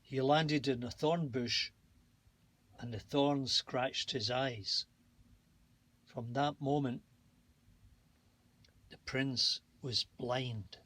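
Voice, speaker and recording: A man reading a bedtime fairy tale aloud in a slow, calm and soothing way. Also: medium pitch. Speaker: storybook narrator. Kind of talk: bedtime story read-aloud.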